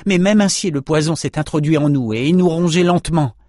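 A man's voice: on the high side, brisk, warm tone, no room sound, clean studio sound, voice pushed up, natural voice. A man doing an incredulous young woman. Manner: incredulous, reproachful. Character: astonished young woman warrior, blunt and worried.

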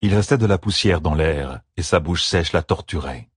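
A man reading an audiobook novel aloud as narrator, in an expressive storytelling manner. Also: low-pitched, moderate pace, slightly rough, no room sound, clean studio sound. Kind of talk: scripted narration.

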